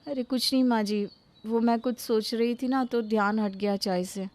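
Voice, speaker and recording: A fretful young cartoon housewife, voiced by a woman, who murmurs worried asides under her breath. The voice sits slightly high. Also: fairly even intonation, moderate pace, a little mellow, slight background noise, lightly acted.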